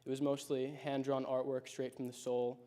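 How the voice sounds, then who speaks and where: A late-teen high school senior reads a personal speech he has prepared, recounting his story in a thoughtful, measured manner. His pitch stays fairly level, and his voice is mellow and somewhat dark. The delivery is monotone.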